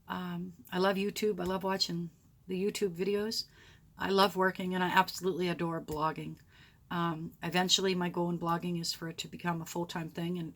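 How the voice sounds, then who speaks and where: A middle-aged woman with a sore throat and a groggy voice, talking frankly and casually in a rambling, unscripted way to followers. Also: mid-range voice. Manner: frank, chatty, rambling self-description. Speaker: homesteading blogger introducing themself.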